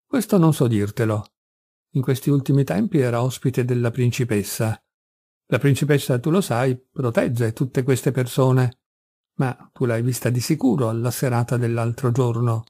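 A man reading aloud, voicing an eager, lively young male friend who talks persuasively. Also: mid-range voice, normal speed, no room sound, lightly acted.

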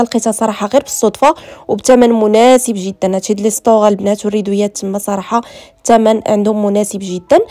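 A woman with a Moroccan Arabic accent, talking at a very fast clip in a mellow, dark-toned voice that sits a little high. She narrates a room tour as if chatting with friends, calling her viewers "girls" and dropping in French words. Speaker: home decor vlogger.

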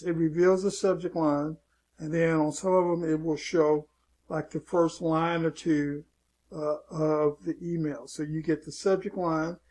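In a casual screen-share tutorial, a man with a fairly high, slightly mellow voice walks through an online marketing lesson. His approach is relaxed and loose, peppered with "okay" and warnings he says more than once.

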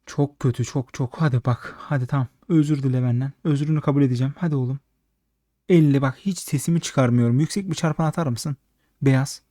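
A man giving casual, frustrated slot commentary, swearing constantly and talking at the machine, slightly hoarse late at night. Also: medium pitch, a little fast, warm tone, no echo, studio quality. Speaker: slot streamer.

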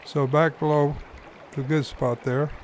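A man's voice: on the high side, little pitch movement, measured pace, a little hiss or hum. A man hosting and narrating his own fishing video in an easygoing, folksy explaining manner. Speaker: fly-fishing guide and host.

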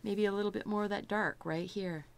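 A woman's voice: medium pitch, steady tone, brisk, vocal fry, smooth. A middle-aged woman teaching a step-by-step painting lesson, chatty and thinking aloud as she works, delighted by her own results. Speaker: art instructor.

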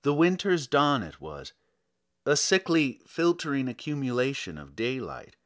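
Reading literary fiction aloud like a dramatic audiobook, a male narrator takes a short story at a slow, deliberate pace. His forceful, bright voice rises and falls widely, and he holds on phrases for theatrical effect.

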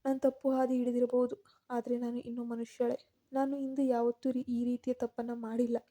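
A desperate young woman begging for understanding, as a woman narrator voices her. She pleads in an even, mellow voice, fairly high in pitch. It comes from a spoken audio story. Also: moderate pace, lightly acted. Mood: pleading. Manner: pleading, trembling.

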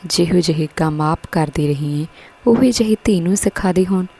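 A woman's voice: on the low side, moderate pace, a little mellow, slightly rough, low-quality recording. A woman voicing a harsh, insulting village husband in a spoken story. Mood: scornful. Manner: sneering, insulting.

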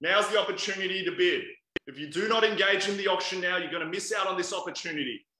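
Aussie auctioneer guy, pushy and persuasive, bright sharp voice, echoey room, webcam sound. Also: sits high. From Australia. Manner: persuasive, coaxing buyers with repeated bid calls. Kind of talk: live property auction calling. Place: indoors by a large glass window.

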